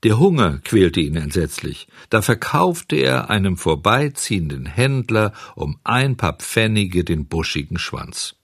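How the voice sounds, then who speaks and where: Male audiobook narrator, expressive, dry close recording. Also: low-pitched, creaky, slightly rough, no room sound. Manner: measured, expressive storytelling. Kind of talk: audiobook reading of a children's story.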